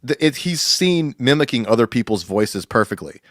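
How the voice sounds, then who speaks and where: A man's voice: medium pitch, lively intonation, moderate pace, no room sound, clean studio sound. A man co-hosting a podcast, rambling in casual chat and laughing often. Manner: rambling, laughs often, quotes people in put-on voices. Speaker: podcast co-host.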